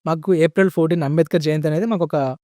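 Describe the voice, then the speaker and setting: Fast-talking young man. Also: a little high, fairly even intonation, warm tone, dry recording, clean studio sound. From India. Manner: chatty, says "bro" often, mixes in English words. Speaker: guest. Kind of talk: casual podcast storytelling.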